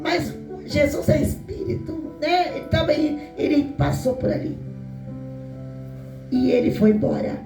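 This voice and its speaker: A woman's voice: sits high, measured pace, recorded from a distance. A woman giving a fervent testimony sermon to her church, calling out to the congregation and acting out the people in her story. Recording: echoey church with soft guitar.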